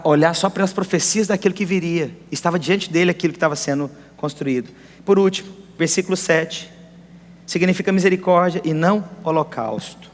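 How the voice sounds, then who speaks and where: A man preaching a lively sermon as pastor, firing rhetorical questions at the congregation. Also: high-pitched. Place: church hall. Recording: echoey church hall.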